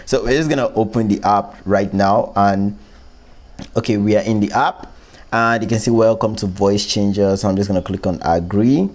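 A man narrates a casual, screen-recorded app walkthrough, informally explaining each step as the tutorial host. His lowish voice is a little mellow and moves at a moderate pace, recorded as a voice-over on a close one-way microphone.

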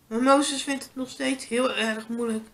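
A woman's voice: fairly high pitch, fairly even intonation, measured pace, creaky. A woman reading a children's Bible story aloud, stumbling and restarting on words as she goes.

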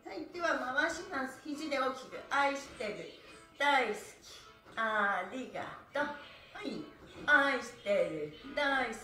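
Calling out counts with laughter, a middle-aged stretch instructor runs a live class on a mat in her small home room, faint music playing behind her. Her high voice is bright and forceful, swinging widely in pitch at a measured pace. A far-off camera captures her, so the room echoes.

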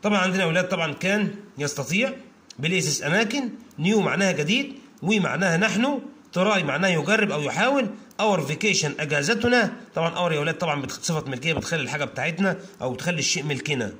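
High-voiced Egyptian teacher drilling children. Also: male voice, lively intonation, bright, forceful tone. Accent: Egyptian Arabic. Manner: repeats phrases slowly word by word, drawn out; often calls out to the children. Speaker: English teacher. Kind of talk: classroom lesson for children.

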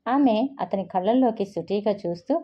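A woman reading a serialized story aloud, her pitch rising and falling with animated shape. The reading stays steady and expressive, the recording dull and lo-fi. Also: normal speed. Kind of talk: Telugu story narration.

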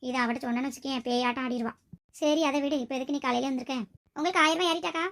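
A woman's voice: high-pitched, steady tone, very fast, creaky, fairly bright tone. A woman voicing a chatty, nosy village neighbor who gossips at length. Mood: gossipy.

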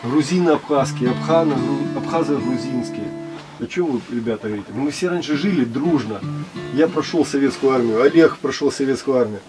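An insistent man in his fifties tells stories in a relaxed, conversational way and keeps his listeners engaged. He was recorded by a camera across a small indoor pavilion, with guitar music clearly audible behind him. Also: medium pitch, a little fast, low-quality recording. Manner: earnest, insistent, keeps asking "понимаешь". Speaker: battalion veteran. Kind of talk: casual storytelling.

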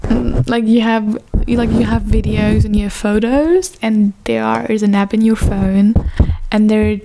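A woman's voice: mid-range voice, steady tone, unhurried, vocal fry. A young adult woman in a casual ASMR ramble, hesitant and repeating words, close to the microphone. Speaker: ASMR video creator. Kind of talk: soft-spoken casual ASMR chat. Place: dim room at home. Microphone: large microphone right at the mouth. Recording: noisy close-mic recording with clicks.

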